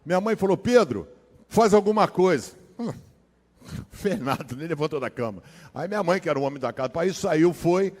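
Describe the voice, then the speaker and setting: A Brazilian man preaching a sermon as a pastor, telling stories in a slangy, animated way that swings from hushed asides to loud dramatic bursts. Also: on the high side, a little fast. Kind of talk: sermon with personal storytelling. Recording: long hall reverb.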